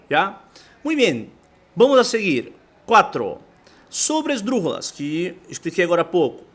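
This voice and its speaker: A man's voice: fairly high pitch, a bit bright. A man with a Brazilian Portuguese accent, a native Portuguese speaker, teaching a Spanish lesson, reading from a textbook and explaining it while switching between the two languages. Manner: mixes languages, reads aloud then explains.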